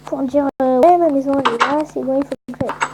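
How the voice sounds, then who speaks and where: A woman's voice: sits high, fairly even intonation, quick pace, very noisy. A woman giving casual, rambling let's-play commentary with lots of hesitant fillers. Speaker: gameplay commentator.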